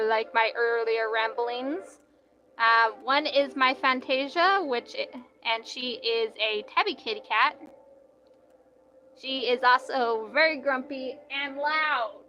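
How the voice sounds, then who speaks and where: A woman's voice: on the high side, pushed and bright, dull audio. A young woman streaming and reading out live chat in a casual, rambling way, full of "like" fillers.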